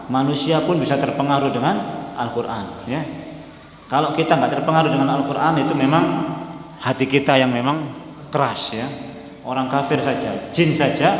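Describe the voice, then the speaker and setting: A man giving a religious study lecture, tagging nearly every phrase with a quick "ya". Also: a little high. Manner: ends almost every phrase with a tag word "ya". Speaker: Islamic teacher. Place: mosque hall. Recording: echoey mosque hall with long reverb.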